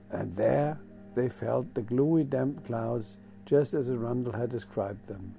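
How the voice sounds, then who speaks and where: A man reads a storybook chapter aloud at a slow, deliberate pace. His voice is dark and gravelly, with soft music playing faintly behind him. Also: mid-range voice. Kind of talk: storybook narration.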